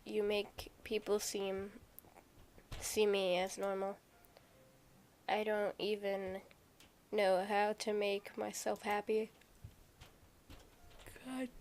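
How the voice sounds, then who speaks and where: A woman voicing a shy, soft-spoken, bookish teenage girl who talks in a hesitant, self-doubting, gentle way. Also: medium pitch, flat delivery, slow, long pauses, a little hiss or hum. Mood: insecure.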